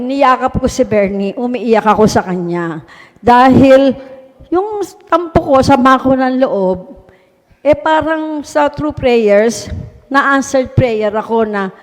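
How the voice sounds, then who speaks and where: A woman, a mayor, earnestly telling a personal testimony to an audience in a polite, respectful way. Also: on the high side. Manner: polite, earnest storytelling with frequent respectful particles. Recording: long hall reverb.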